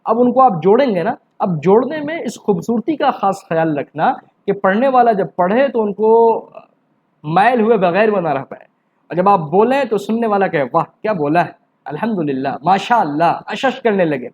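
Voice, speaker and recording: There is slight background noise as an Urdu teacher, animated and a little mellow, runs an exam-prep grammar lesson. He raises rhetorical questions and answers them, pushing up to emphatic questions before dropping his voice low.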